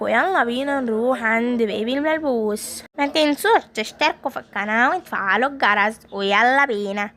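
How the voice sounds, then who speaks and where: A woman's voice: a little high, a bit bright. A woman with an Egyptian accent voicing a wicked old granny villain in a game video, teasing and sing-song as she talks to viewers. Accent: Egyptian Arabic. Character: wicked old granny villain, scheming but claiming kindness. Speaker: gaming YouTuber. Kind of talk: playful game role-play narration.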